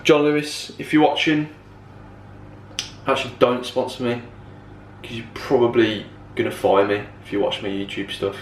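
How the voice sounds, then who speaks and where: A British man chats straight to his viewers in a relaxed vlog, mid-pitched and ordinary in tone. He is blunt and jokey, swearing freely as he gives fitness tips. Much of it is recorded indoors at a gym. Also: moderate pace, long pauses, slight background noise. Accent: British English. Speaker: vlogger and personal trainer. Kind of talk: casual vlog chat.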